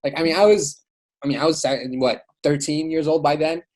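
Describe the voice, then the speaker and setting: This young adult, an Iraq-born student author and educator, is a podcast guest in a casual interview, talking informally and eagerly with many a "like" and "you know". His voice sits on the high side, a little mellow and steady in tone, with a brisk pace.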